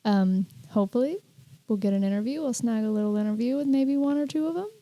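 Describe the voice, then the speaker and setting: A woman podcast co-host with a playful, joking manner who also shares plain information about an exhibit. Her slightly high voice is recorded close and dry. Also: fast, mellow, no room sound. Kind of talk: casual chat about art.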